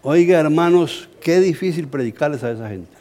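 A middle-aged Colombian man, a pastor, preaching a sermon as an animated, humorous story. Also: a little high, moderate pace, noisy background. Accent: Colombian Spanish.

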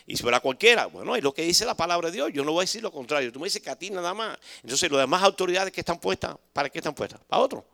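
A man's voice: high-pitched, vocal fry, sharp tone, no echo, clean studio sound. A man giving a spoken religious testimony to a church, emphatic and acting out the dialogue he recalls in shifting voices.

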